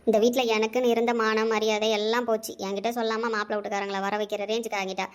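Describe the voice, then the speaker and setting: Give me a woman playing a suspicious elderly grandmother who scolds in a fast, high voice. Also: flat delivery, close to an everyday voice. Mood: indignant. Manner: scolding, wailing complaints. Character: fussy, suspicious elderly grandmother, quick to take offense.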